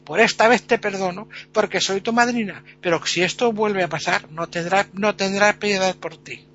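Death as a stern godmother spirit, laying down the law with weighty warnings, as a man puts her on. The voice sits high and bright for a man. The recording is a little dull and lo-fi. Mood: scolding. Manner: solemn, measured warnings, later scolding.

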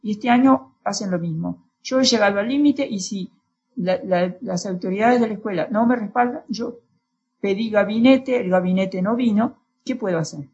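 A woman's voice: mid-range voice, normal speed, a little mellow, muffled recording. A woman teacher speaking in a discussion, weary and frank, trailing off at the ends of sentences. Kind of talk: casual debate talk.

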